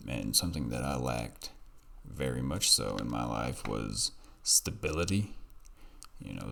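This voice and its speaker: A man's voice: extremely low pitch, creaky, a bit bright. A man talking to his audience in a candid, meandering late-night monologue at home, swearing casually. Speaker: vlogger.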